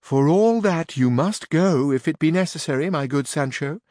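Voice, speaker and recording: A man's voice: fairly high pitch, lively intonation, normal speed, dry recording, clean studio sound, close to an everyday voice. A man reading aloud and voicing a gracious duchess who chides courteously. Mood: chiding. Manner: courteous, gently chiding. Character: gracious noble duchess, teasing.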